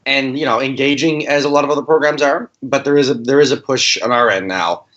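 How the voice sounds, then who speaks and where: A man's voice: medium pitch, steady tone, fairly quick, fairly bright tone. A man co-hosting a teaching podcast, talking casually and restarting his sentences as he goes. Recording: dull lo-fi recording.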